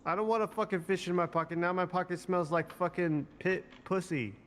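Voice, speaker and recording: A man's voice: high voice, steady tone, fairly quick, fairly bright tone. A man in a casual roleplay, talking in a put-on New Jersey accent, rambling and stumbling over restarts as he jokes. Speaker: roleplay player as a justice department officer.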